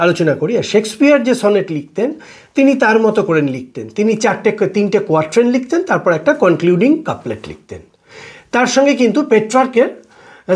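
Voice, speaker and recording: A man gives a poetry lecture in a fairly high voice. He talks with many pauses and fillers, and he slows right down when he reads lines of English verse. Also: darkish tone. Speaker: literature teacher.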